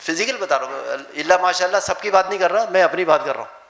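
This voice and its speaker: A man's voice: sits high, a bit bright. Older man teaching Quran recitation in an echoey class. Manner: explains patiently, drills letter sounds with students. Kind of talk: classroom tajweed lesson. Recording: echoey classroom with background noise.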